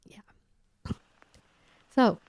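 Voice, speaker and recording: A woman's voice: very slow, a little mellow, dry recording. A woman hosting a podcast in casual chat, losing her voice, chatty and laughing often as she talks. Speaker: podcast host.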